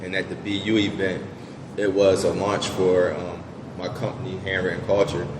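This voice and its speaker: A man's voice: low-pitched, flat delivery, moderate pace. A young man, answering interview questions in a laid-back way with many fillers. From Southwest Philadelphia. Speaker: business owner guest. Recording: echoey room with background noise.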